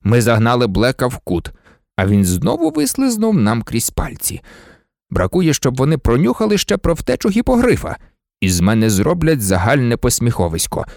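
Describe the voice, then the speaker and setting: A man's voice: mid-range voice, huge pitch swings, normal speed, gravelly, darkish tone, no echo, studio quality. A man voicing a flustered, blustering male official who grumbles and barks in an audiobook. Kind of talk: audiobook character voice.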